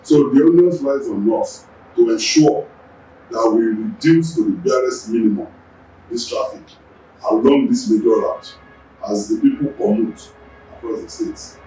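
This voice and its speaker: A Nigerian man whose first language is Yoruba, a traffic agency general manager, gives measured official interview answers in a deliberate tone at a middling pitch, repeating words as he gathers his thoughts. His dark-toned voice is recorded from a distance, well back from the mic in a very echoey room. A faint hiss runs underneath.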